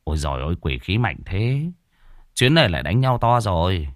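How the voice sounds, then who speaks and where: A boastful exorcist sidekick, as a male narrator puts him on, muttering low and quiet in mock awe. The voice is close and dry. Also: sing-song, a little fast, no echo. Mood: mock-awed.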